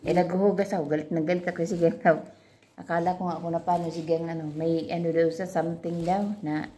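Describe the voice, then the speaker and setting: A woman with a somewhat low voice chats casually in a home vlog. She tells an everyday story with animation, slipping into stern quoted lines as she goes. There is a faint hiss behind her. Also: fairly quick. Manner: animated storytelling, quoting herself scolding a child. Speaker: vlogger. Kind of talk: casual chat.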